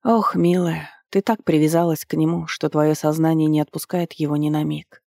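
Brief: tender ancient goddess mother, a woman reading, soft and hushed, mellow voice. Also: deep voice, steady tone, moderate pace, vocal fry, no echo, studio quality. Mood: tender, sorrowful.

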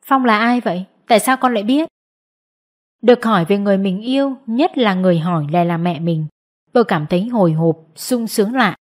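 A woman narrating a first-person audiobook story in an expressive storytelling manner. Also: medium pitch.

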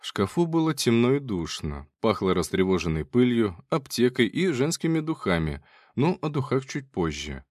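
A man's voice: mid-range voice, sing-song, moderate pace, darkish tone, dry recording, studio quality. A man narrating a first-person audiobook in a wry, sardonic, conversational way.

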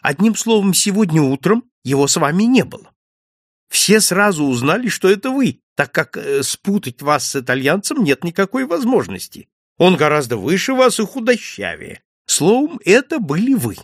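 A man voicing a chatty, jovial male village innkeeper in an audiobook, pitching his voice up and sounding excitable. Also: moderate pace, no echo, clean studio sound, full character voice. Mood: gossipy.

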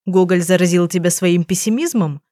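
A wry young woman detective, as a woman narrator puts her on, brisk and teasing. The voice is fairly low and the sound is dry and close, as in a storybook reading. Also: warm tone, no room sound, lightly acted.

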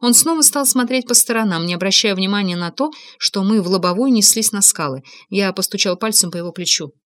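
A woman reading an adventure audiobook aloud in the first person, with steady and expressive delivery. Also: medium pitch, fairly quick. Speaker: audiobook narrator. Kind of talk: scripted first-person narration.

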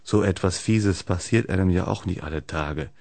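A man reading the lines of a hapless, easily amazed male patient in a deep voice. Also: normal speed, a little mellow, no echo. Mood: naive.

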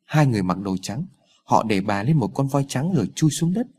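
Guy doing a scared little girl crying in a spooky story, husky, voice jumping around. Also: medium pitch, animated, brisk, dark tone. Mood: sobbing. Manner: sobbing, insistent. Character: frightened young girl sobbing.

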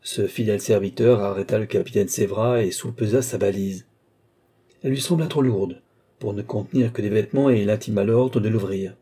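A man narrating a short story in a measured storytelling manner. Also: lowish voice, mellow, breathy edge.

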